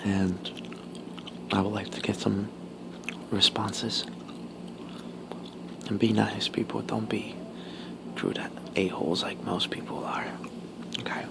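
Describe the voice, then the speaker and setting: A man whispering casual ASMR talk while chewing gum, pausing between short, halting phrases. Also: lowish voice, little pitch movement, gravelly, poor audio. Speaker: ASMR video creator.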